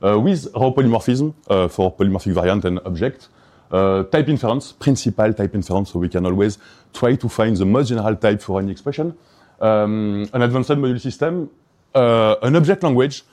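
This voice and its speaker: Speaking at a conference with a Belgian French accent, a man from Belgium delivers his talk with enthusiasm but plenty of hesitation, fillers and restarts. His voice is low and dark.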